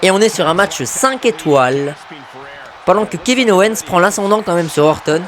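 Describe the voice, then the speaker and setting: Excitable high-voiced male game commentator. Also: moderate pace. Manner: excitable, bursts into shouts at big moves, mutters asides to himself. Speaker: gamer commentating his own wrestling video game match.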